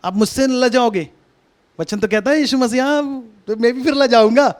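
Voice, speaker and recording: Brief: male preacher, very high voice, chatty and coaxing, repeats himself, sermon over a video call. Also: moderate pace. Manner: conversational, coaxing, repeats instructions. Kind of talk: online sermon with a hands-on demonstration.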